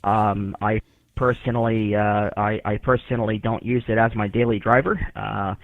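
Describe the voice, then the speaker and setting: A man's voice: lowish voice, fairly even intonation, normal speed, no echo. A man heard through a ham radio speaker, his voice thin and phone-like on a dry signal with no room around it. He runs a radio net as net control, polite and formal, with frequent "uh" fillers as he spells out call signs in the phonetic alphabet. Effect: heard over a ham radio receiver. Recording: tinny radio receiver audio.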